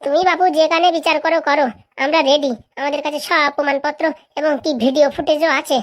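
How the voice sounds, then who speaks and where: A woman voicing a sharp-tongued village woman in a cartoon, scolding and accusing in a rapid-fire way. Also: high-pitched, flat delivery, lightly acted. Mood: defiant. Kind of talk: cartoon voice acting.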